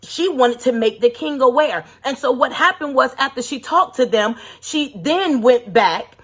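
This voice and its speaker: A woman's voice: high voice, animated, measured pace, a bit bright, breathy edge. A woman preacher retelling a Bible story in an emphatic sermon, with rhetorical questions to her listeners.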